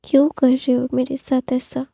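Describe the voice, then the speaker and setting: A woman's voice: sits high, completely flat delivery, moderate pace, gravelly, dark tone, no echo, studio quality. A woman voicing a pleading young emperor. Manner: pleading, repeating himself. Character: lovesick young male emperor, tearful and pleading.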